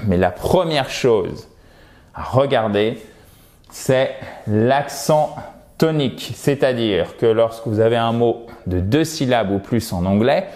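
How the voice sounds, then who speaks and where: Man, french accent, pronunciation teacher, lively, drawn-out exaggerated sounds, casual lesson. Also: mid-range voice. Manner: lively, exaggerates English sounds, checks in with "d'accord?" and "ok?".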